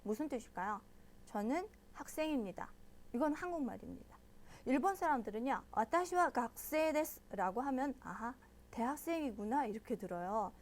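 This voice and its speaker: High-voiced woman teaching a language lesson. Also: lively intonation. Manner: patient, explains step by step and checks in with listeners often; models pronunciation slowly and loudly.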